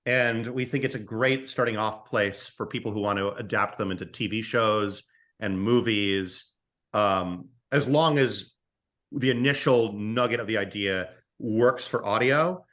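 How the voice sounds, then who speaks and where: A screenwriter and audio drama writer, appearing as a podcast guest, talks in a casual interview with a lowish, fairly bright voice at a slightly slow pace. He sounds hesitant, often repeating words while he works out his thoughts.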